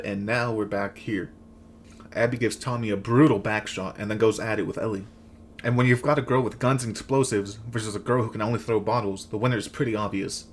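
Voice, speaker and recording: Fast-talking man on a sarcastic comedy rant. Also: mid-range voice, a little hiss or hum. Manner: sarcastic, crude, slangy joking. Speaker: host. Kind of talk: comedic rant recap of a video game, scripted narration.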